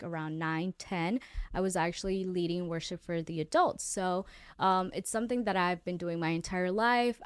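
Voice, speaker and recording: A woman's voice: fairly low pitch, clear, resonant tone, no room sound. Chatty young woman podcast host. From Honduras. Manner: warm, chatty, addresses listeners directly. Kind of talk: casual faith podcast monologue.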